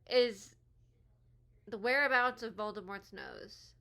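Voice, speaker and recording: A woman's voice: mid-range voice, slow pace, gravelly. A woman giving casual, slangy reaction commentary as host, her speech slightly off from wearing a retainer. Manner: animated, slangy, frequent "like". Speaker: host of a movie commentary video.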